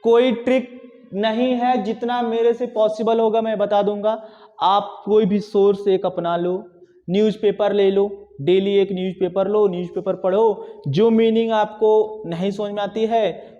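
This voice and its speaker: A man with a high but warm, mellow voice gives a classroom lecture, pushing his students again and again in a plain, chatty way. The sound is dull and lo-fi, with a long reverb trailing off each phrase. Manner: exhorting, repetitive, conversational. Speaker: teacher. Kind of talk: classroom lecture on exam preparation.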